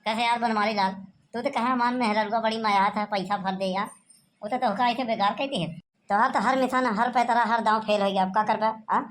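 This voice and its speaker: A woman's voice: medium pitch, close to an everyday voice. A woman voicing a brusque, impatient male electricity officer in a cartoon, blunt and exasperated, with an Awadhi accent. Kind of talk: cartoon voice acting.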